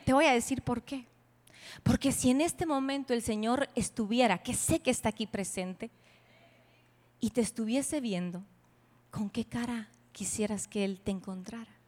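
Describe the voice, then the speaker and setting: A woman pastor preaching a sermon to a women's retreat. She is emphatic and teasing, and swings suddenly from loud to hushed. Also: a little high, normal speed. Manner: playful, teasing asides. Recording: long hall reverb.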